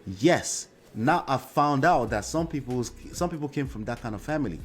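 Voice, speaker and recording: Hosting a livestream, a Yoruba-speaking Nigerian man reads out viewer comments in a casual, conversational way and a Nigerian accent. His mid-range voice is animated and moderately paced, peppered with "uh" and "right?".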